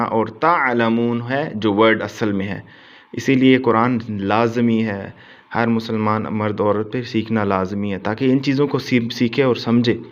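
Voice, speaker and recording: A man teaching correct Quran pronunciation, patiently repeating words slowly to show how the meaning changes. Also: medium pitch, lo-fi sound. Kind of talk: explanatory Urdu lesson on Quran pronunciation.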